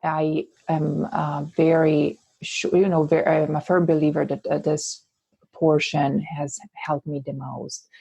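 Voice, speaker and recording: A woman's voice: low voice, flat delivery, unhurried, vocal fry, dark tone, slightly rough, dry recording, lo-fi sound. A woman from Switzerland with a Swiss Italian accent, a guest coach in an interview, talking thoughtfully with many fillers and restarts. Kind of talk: interview conversation.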